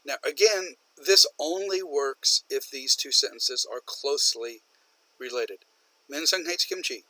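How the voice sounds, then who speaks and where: A man's voice: mid-range voice, a little slow, pushed and bright, no echo, low-quality recording. A man lecturing a university business English class, patiently repeating and stressing example sentences. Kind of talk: recorded online lecture.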